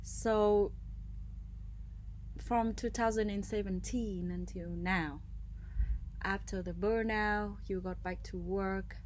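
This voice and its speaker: A woman's voice: mid-range voice, fairly even intonation, slow, pauses often, a little mellow. A woman with a mid-range voice hosts a casual podcast interview, asking long, winding questions and murmuring along. Faint hiss runs under her voice. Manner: chatty, rambling questions with frequent backchannel. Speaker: podcast host.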